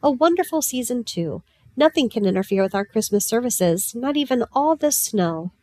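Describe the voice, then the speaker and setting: A woman's voice: on the high side, animated, moderate pace, darkish tone, dry recording, close to an everyday voice. A woman voicing a genial, hearty village rector in a storybook reading.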